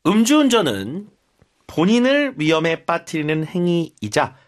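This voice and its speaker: A Korean man runs an English lesson with a lively, swinging voice. He explains in an encouraging tone and drags words out slowly when he models pronunciation. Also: on the high side. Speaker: English teacher.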